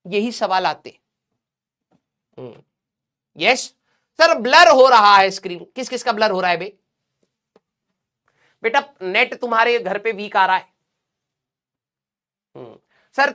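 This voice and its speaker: A man's voice: high voice, measured pace, pauses often, pushed and bright. A young man teaching a live online physics class in a chatty, joking way, teasing his students. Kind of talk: casual live class lecture.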